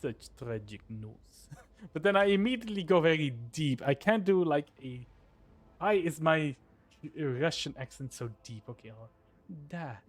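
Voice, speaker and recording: A man's voice: on the high side, normal speed. A man commentating live gameplay as a streamer, joking at himself and swearing and exclaiming at what happens on screen. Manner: self-mocking, swears and exclaims at the game.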